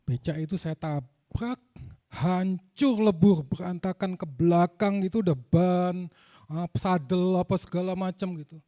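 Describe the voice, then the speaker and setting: An Indonesian man with a high-pitched, warm voice preaches an unhurried, storytelling sermon. He talks conversationally to the congregation, frequently dropping the casual filler "gitu."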